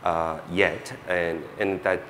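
A man speaking on a panel before an audience, measured and explanatory. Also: low voice, little pitch movement, a bit bright, slight background noise. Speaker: museum chief curator on a panel. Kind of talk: panel discussion.

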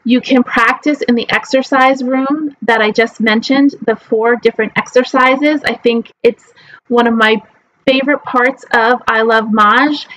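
A woman's voice: fairly high pitch, a bit bright, dull audio. A woman in her forties teaching a live online class at a webcam, explaining step by step with frequent ums. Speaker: mah jongg teacher.

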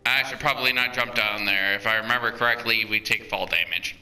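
A man's voice: on the low side, fairly even intonation, brisk, gravelly, pushed and bright, poor audio. A young man giving casual, joking commentary while playing a co-op video game. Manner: joking, playful.

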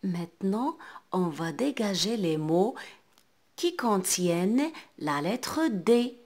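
A woman with a North African French accent, teaching a reading lesson to young children and sounding out words clearly. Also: medium pitch, big pitch swings, a little mellow. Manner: slow, carefully enunciated, repeating words for children.

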